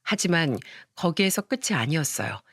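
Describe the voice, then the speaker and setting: A woman reading a scripted first-person story in an even storytelling manner. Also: low voice, moderate pace, no echo, clean studio sound. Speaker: story narrator.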